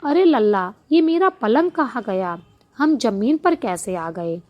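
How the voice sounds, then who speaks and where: Woman doing a gruff, grumbling elder brother god. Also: on the high side, big pitch swings, unhurried, lo-fi sound. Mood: puzzled. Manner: blunt, rustic, grumbling. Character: hearty elder brother god, bossy yet soft-hearted.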